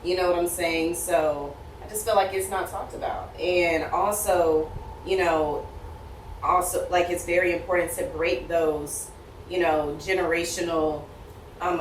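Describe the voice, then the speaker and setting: A woman's voice: on the low side, slight background noise. A woman co-hosting a podcast, talking in a reflective way with a lot of fillers. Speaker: podcast co-host. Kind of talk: casual chat. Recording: roomy echo, distant mic.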